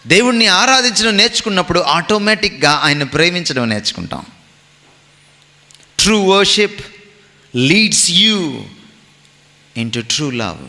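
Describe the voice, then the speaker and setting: Lively high-voiced preacher in a hall. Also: male voice. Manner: emphatic preaching, mixing in English phrases. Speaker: pastor. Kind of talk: sermon.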